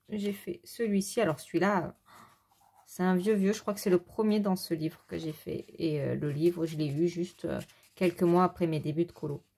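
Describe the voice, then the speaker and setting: Mellow-voiced woman chatting casually. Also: fairly low pitch. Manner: chatty, rambling, many fillers and self-corrections. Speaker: adult coloring hobbyist. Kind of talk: casual show-and-tell.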